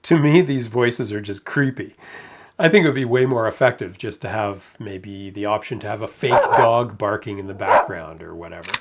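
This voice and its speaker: A man narrating a product review in a measured, matter-of-fact way with light amused asides. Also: fairly low pitch, heavy background noise.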